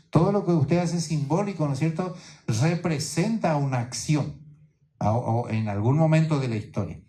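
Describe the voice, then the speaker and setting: A man delivers a teaching sermon from the pulpit with a mellow, darkish voice of middle pitch. He explains scripture step by step and keeps checking in with his listeners through repeated rhetorical questions. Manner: teaching tone, keeps asking "¿no es cierto?". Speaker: pastor. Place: church in New York.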